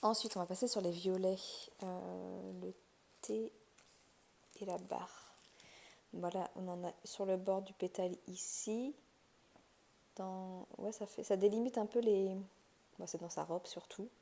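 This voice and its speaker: A woman hosting her own crafts channel, talking casually to viewers. Her voice is mellow and rather dark, at an ordinary middle pitch. She thinks aloud, full of fillers and self-corrections. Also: steady tone, measured pace, creaky, pauses often. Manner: chatty, thinking aloud, lots of fillers and restarts. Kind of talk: casual unboxing commentary.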